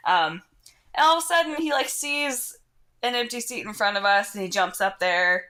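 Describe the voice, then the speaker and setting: A woman's voice: medium pitch, animated, moderate pace, sharp tone. A young woman co-hosting a comedy podcast, telling a story in casual chat, acting out the dialogue and laughing often. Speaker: podcast co-host.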